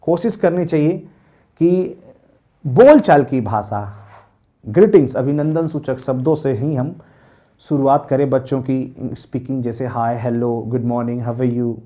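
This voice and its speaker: A man's voice: medium pitch, a little slow, warm tone. A young man, lecturing as a teacher preparing students for a teaching exam, asking questions and answering them himself.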